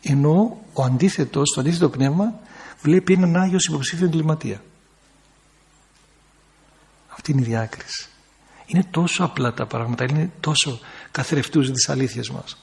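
Gravelly high-voiced Greek priest. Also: male voice, pauses often, darkish tone. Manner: teaching, acts out people in quoted bits. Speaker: Orthodox priest. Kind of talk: talk to a group with questions.

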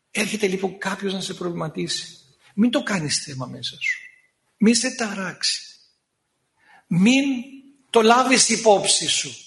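High-pitched gravelly male preacher. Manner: animated, scolding at times, acts out quoted voices. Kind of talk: sermon.

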